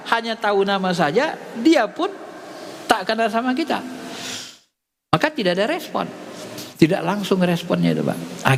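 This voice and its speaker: A male religious teacher gives a sermon, his voice pitched somewhat high and swinging through lively storytelling. He acts out each exchange, and a long hall reverb hangs behind every phrase. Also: slight background noise. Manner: animated storytelling, acting out dialogue.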